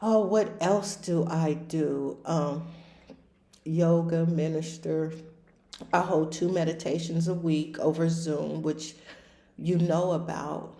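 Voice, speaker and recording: A woman's voice: deep voice, steady tone, slow pace, creaky, mellow. Echoey-voiced woman in her fifties. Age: 50s. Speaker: host, recovery life coach. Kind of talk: casual podcast conversation.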